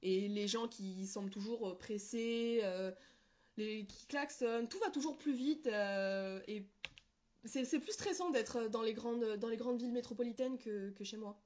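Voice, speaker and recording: A woman's voice: fairly high pitch, unhurried, darkish tone, dull audio. A woman from New Caledonia answers interview questions casually, searching for words and correcting herself. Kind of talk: casual interview answers about personal experience.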